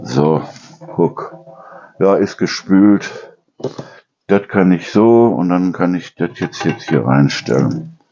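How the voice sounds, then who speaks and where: A man's voice: deep voice, takes it slowly, pauses often, muffled recording, noisy background. A man hosting a casual kitchen chat, rambling and correcting himself as he goes. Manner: rambling, self-correcting, imitates noises. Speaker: channel host.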